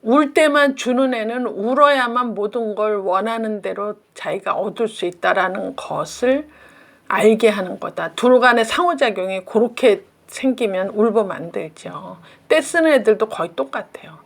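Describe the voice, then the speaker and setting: Gravelly-voiced woman lecturing on parenting. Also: medium pitch, moderate pace. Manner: chatty, acts out mother and child in little scenes. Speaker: professor of child education.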